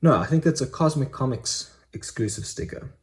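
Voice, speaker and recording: A man's voice: mid-range voice, lively intonation, normal speed. A young man casually chatting through his collectible purchases in a vlog, enthusiastic with frequent ums. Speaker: Funko Pop collector vlogger.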